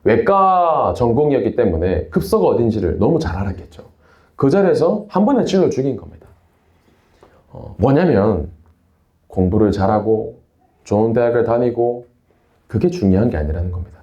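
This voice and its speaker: A young man with a Busan Gyeongsang accent gives a sermon to teenagers, his mellow voice rising and falling freely as he tells stories. The sound carries a roomy echo from a church hall. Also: mid-range voice, big pitch swings, moderate pace, dull audio. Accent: Busan Gyeongsang dialect. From Busan, South Korea. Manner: chatty storytelling, refers to himself in third person. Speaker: youth pastor. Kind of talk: sermon to a youth group.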